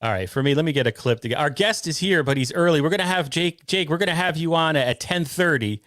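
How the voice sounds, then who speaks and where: A man's voice: on the high side, quick pace, fairly bright tone, dry recording, studio quality. A man hosting a podcast, talking casually and with strong opinions, often restarting his sentences. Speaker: podcast host.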